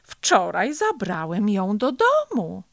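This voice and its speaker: A woman voicing a friendly young boy bear who talks in a breathy, surprised way in a storybook. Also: mid-range voice, wildly swooping pitch, slow pace, no echo, studio quality, heavily acted.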